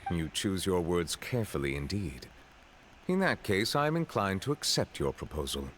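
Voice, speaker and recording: A man's voice: sits low, very animated, moderate pace, a little hiss or hum. A man voicing a reserved, formal chief judge in a video game who speaks in a stately, carefully worded way. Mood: grave.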